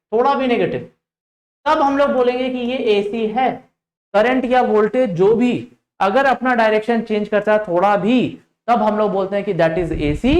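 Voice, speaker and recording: Indian guy teaching online class, keeps asking students, roomy echo. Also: high voice. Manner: interactive, repeats "ठीक है" and "देखिएगा", drills students with questions. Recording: echoey room.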